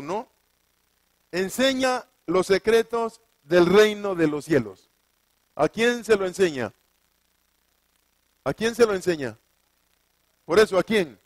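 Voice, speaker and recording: High-voiced preacher quizzing his flock. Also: dry recording. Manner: asks the congregation questions and answers them himself; repeats key phrases for emphasis. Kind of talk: sermon with scripture reading.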